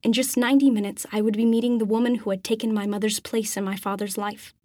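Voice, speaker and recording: A woman narrating an audiobook in the first person, with a measured, expressive reading. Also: mid-range voice, dry recording, clean studio sound.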